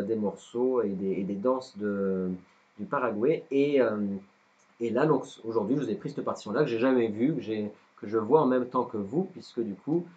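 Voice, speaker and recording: A man's voice: medium pitch, darkish tone. Man, guitar teacher, non-native French accent, hesitant, lots of fillers, dull lo-fi stream audio. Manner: hesitant, many fillers, self-deprecating. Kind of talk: live-streamed music lesson.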